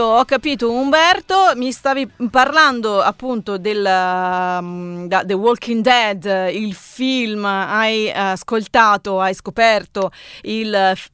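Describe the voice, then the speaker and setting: A woman's voice: mid-range voice, fairly bright tone, smooth, no echo. A woman hosting a live late-night radio show from a studio, chatting frankly about songs and reading listener messages, with frequent hesitations and fillers. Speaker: radio host. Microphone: studio microphone.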